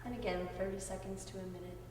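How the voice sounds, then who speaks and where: A woman's voice: medium pitch, little pitch movement, quick pace. A woman prenatal fitness instructor giving encouraging, step-by-step exercise directions to a client. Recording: very echoey hall, distant mic, background noise.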